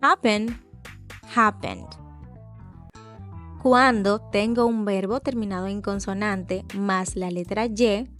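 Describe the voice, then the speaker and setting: Slow, patient woman teaching a lesson. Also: mid-range voice, steady tone, fairly bright tone. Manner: spells out letters and patterns, repeats words for practice. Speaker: English teacher. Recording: faint background music.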